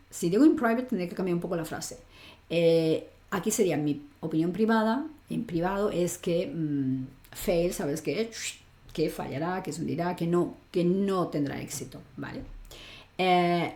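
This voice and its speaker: A woman teaching an online English lesson, patiently explaining and reading example sentences slowly. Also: lowish voice, warm tone, roomy sound.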